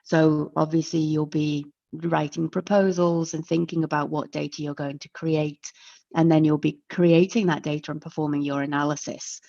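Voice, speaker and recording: This webinar presenter, a woman whose first language is English, explains her online lecture one step at a time with a friendly approach. She has a deep, darkish voice with some vocal fry. The recording is dry, with the dull lo-fi quality of call audio.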